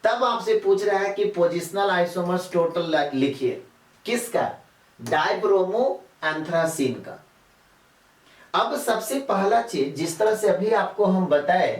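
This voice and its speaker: A male teacher gives a classroom chemistry lecture, repeating points and quizzing students with rhetorical questions. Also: sits high. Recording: echoey room, mic far off.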